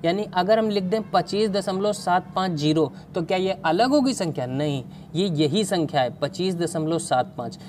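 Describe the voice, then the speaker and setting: A woman's voice: lowish voice, animated, moderate pace, hardly any pauses, darkish tone, a little hiss or hum. A woman teaching an online math class, explaining step by step and asking questions to the students.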